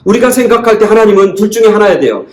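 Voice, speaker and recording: A male pastor preaching in a church sanctuary, his voice sitting a little high for a man. He leans hard on his main points and turns soft and slow for scripture. The room carries a clear echo. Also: expressive. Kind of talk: sermon.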